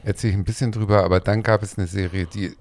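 A man with a very low voice chats casually on a podcast. He rambles and restarts his sentences. The sound is close and dry. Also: fairly even intonation, rapid-fire, darkish tone, dry recording. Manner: rambling, self-correcting, laughs often. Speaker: podcast co-host. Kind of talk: casual chat.

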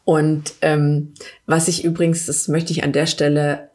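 A woman's voice: low voice, level tone, a little slow, darkish tone. Earnest woman hosting a podcast, level tone, hesitant fillers. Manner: earnest, many fillers and restarts. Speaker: politician and podcast host. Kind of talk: casual podcast chat.

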